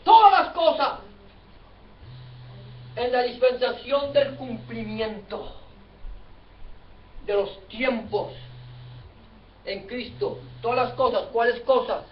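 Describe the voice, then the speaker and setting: A male preacher giving a fervent sermon, repeating phrases and rising to shouts. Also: extremely high pitch, fairly even intonation, slow pace, long pauses, a little hiss or hum. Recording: echoey, distant, dull church recording.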